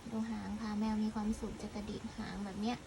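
This woman talks fast in a mid-range, gravelly voice with flat delivery, and the background is noisy. As a cat vlogger, she casually and playfully coaxes a stray cat with short repeated phrases and cooing questions, also addressing her viewers.

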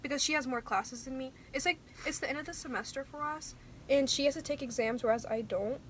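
A woman's voice: high voice, a little fast, fairly bright tone, slight background noise. A young woman co-hosting a casual vlog, telling stories in a chatty way. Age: young adult. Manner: chatty storyteller, breaks into laughter. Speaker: co-host. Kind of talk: casual chat.

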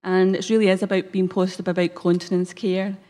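A woman's voice: on the low side, little pitch movement, a little fast, dark tone. A woman with a broad Scottish accent giving a prepared conference presentation at a lectern microphone, somewhat hesitant, with frequent ums. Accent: broad Scottish, Glasgow area. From Scotland. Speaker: conference speaker, health service manager. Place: conference hall stage. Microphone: lectern gooseneck microphone.

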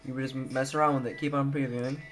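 With music playing in the background, a young man gives a casual tutorial indoors at his computer, hesitating and thinking aloud. His mid-range voice is flat and quick. The recording, made on a handheld camera mic, is noisy.

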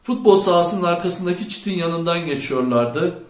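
A man's voice: sits high, normal speed, voice pushed up, close to an everyday voice. A man voicing a bold, charismatic teenage boy who leads his friends, playful and bossy, in an audiobook. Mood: cocky. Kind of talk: audiobook character voice. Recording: roomy echo.

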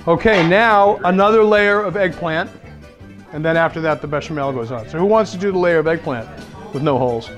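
Speaking briskly with a Massachusetts accent, this middle-aged man walks through a recipe for his dinner guests one step at a time, chatting easily and laughing at himself. His voice is high for a man, and clear background music runs underneath the whole way.

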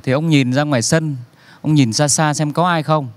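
A man's voice: a little high, dry recording. Male comedian telling a joke. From Vietnam. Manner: relaxed storyteller, slows for effect, acts out characters' lines. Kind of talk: storytelling joke.

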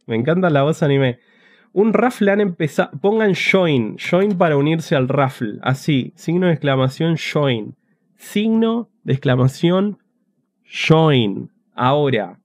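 A man's voice: on the high side, animated, measured pace, a little mellow, no room sound, clean studio sound. A man with a Rioplatense Spanish accent, commentating a game on a live stream in a chatty, joking way, talking to his chat. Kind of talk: casual livestream gameplay commentary.

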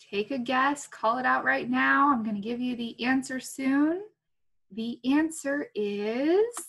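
A woman teaching a first grade class, reading a picture book aloud in a playful, gentle way and making animal sounds. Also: sits high, breathy edge. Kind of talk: read-aloud lesson for young children. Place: home.

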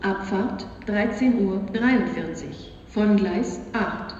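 A woman giving a flat, formal automated platform announcement over a station loudspeaker, in pieced-together phrases. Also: mid-range voice, slow, slight background noise. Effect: public-address loudspeaker. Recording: muffled, echoey station loudspeaker from far off.

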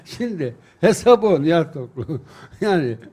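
A man's voice: fairly high pitch, very animated, unhurried, dark tone, slightly rough. A man chatting in a local TV studio, telling anecdotes in a casual, storytelling way. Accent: Turkish. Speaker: local TV commentator.

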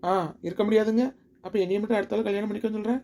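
A man's voice: high voice, little pitch movement, racing, dark tone. A man playing a young village lover who coaxes and pleads insistently with his crying partner in a family drama. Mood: pleading.

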